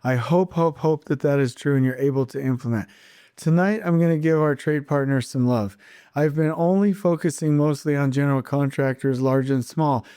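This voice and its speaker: A man hosting a solo podcast in an impassioned, ranting way, hammering words again and again for emphasis. His voice sits a little high for a man but has a mellow, warm tone. The sound is close and dry. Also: moderate pace, clear, resonant tone, dry recording. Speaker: podcast host.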